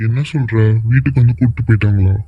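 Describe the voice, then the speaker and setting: A performer voicing a worried, protective middle-aged father in an animated cartoon, asking alarmed questions and growing indignant. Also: mid-range voice, racing, phone-quality sound, background noise, close to an everyday voice.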